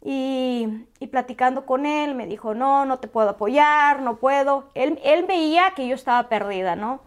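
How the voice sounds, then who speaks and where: A woman telling a personal story in conversation, halting and emotional, often repeating words. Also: high-pitched, clean tone. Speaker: guest.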